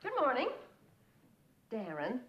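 A good-humored young wife answers in a dry, teasing tone with plenty of movement in her pitch. The old TV audio is dull and carries a loud hiss. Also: huge pitch swings, slow, heavily acted. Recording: dull, very hissy old TV soundtrack.

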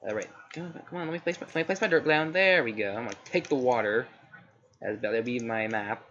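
A young let's play host with a medium-pitched, a bit bright, slightly scratchy voice talks a little fast through chatty, rambling game commentary. He often corrects himself mid-sentence in a slightly dull home recording with faint noise.

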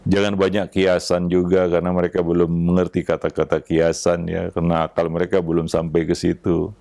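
A man giving a religious lecture on raising children, unhurried and measured, with an Indonesian accent, often dropping a soft "ya" between phrases. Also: low voice, completely flat delivery, vocal fry, no room sound. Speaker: Islamic preacher.

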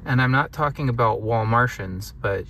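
A man's voice: fairly low pitch, measured pace, a little hiss or hum. Man joking around inside a parked car. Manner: playful, joking. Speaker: vlogger. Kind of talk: casual chat.

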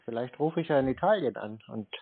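During a casual, argumentative phone call, a scambaiter teases the other person in a laconic, unruffled manner. He talks fast with a mid-range, expressive voice carrying a breathy edge, and there's no echo. The recording has narrowband phone sound with noise and clicks.

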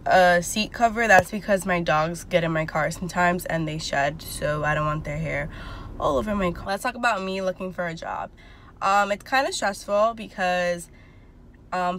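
A woman's voice: on the low side, a bit bright. A woman in her twenties talking casually into her phone while sitting in her car, rambling candidly with lots of fillers. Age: 20s. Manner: chatty, filler-heavy, candid. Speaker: vlogger. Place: inside a car, parked. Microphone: phone at arm's length.

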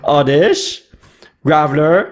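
A young man with a Quebec French accent who chats excitedly and casually while hosting a card-opening video. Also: on the high side, slow pace. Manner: excitable, chatty, slangy. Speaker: host.

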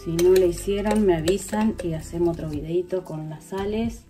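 Her voice is fairly low and warm, paced normally. She's a woman vlogger in her 40s doing a chatty, casual how-to demo indoors in her home kitchen, speaking to viewers while working, recorded by phone with music running underneath.

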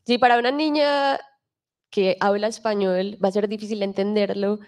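A woman moderating a festival conversation, asking questions in a relaxed, conversational way. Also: medium pitch, normal speed.

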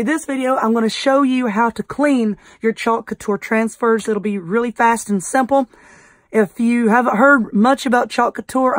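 Croaky Southern woman, fairly high voice, dry close sound, chatty craft-tutorial host. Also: dry recording. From North Carolina. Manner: friendly, chatty, addresses viewers as y'all. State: hoarse, croaky voice.

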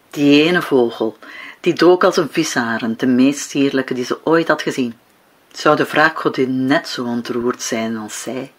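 A woman reading her own novel aloud as an audiobook, in a calm, measured way with slow, weighty pauses. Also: deep voice. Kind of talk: audiobook narration.

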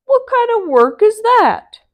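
Woman acting big friendly storybook bear, male, gullible, naive, very animated. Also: very high voice, unhurried, pitched above the performer's own voice, exaggerated voice. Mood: curious, impressed.

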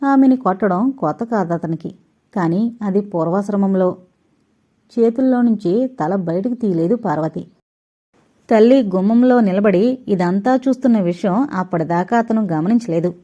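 Woman reading an audio novel, mellow. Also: mid-range voice, moderate pace, lo-fi sound. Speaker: narrator.

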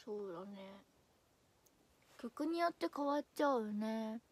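Young female idol, casual stream chat, high-ish voice that wanders up and down, frequent laughs. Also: animated, measured pace, no echo. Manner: chatty, drifts between high and low voice, laughs often.

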